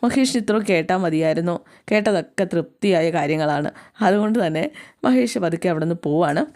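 A woman's voice: fairly low pitch, expressive, fairly quick, darkish tone. A woman casually retelling a drama plot with chatty asides. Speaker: serial recap narrator. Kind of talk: casual storytelling recap.

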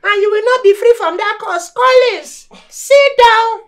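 A man acting a stern Nigerian prophet who gives slow, commanding orders and threatens curses in a gospel comedy drama. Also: very high voice, fairly bright tone. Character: stern male prophet demanding obedience.

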